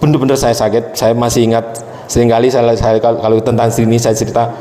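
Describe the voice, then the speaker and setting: A man's voice: mid-range voice, flat delivery, quick pace, warm tone. A male preacher, telling a personal story emotionally and often addressing the congregation directly. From East Java, Indonesia. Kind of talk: sermon with personal testimony. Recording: echoey hall, faint ambience.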